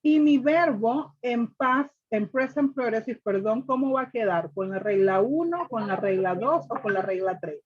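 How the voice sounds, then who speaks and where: A woman's voice: on the high side, normal speed, few pauses, breathy edge, lo-fi sound. A woman teacher explaining grammar rules step by step to a class, repeating each rule and asking students questions. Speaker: English teacher.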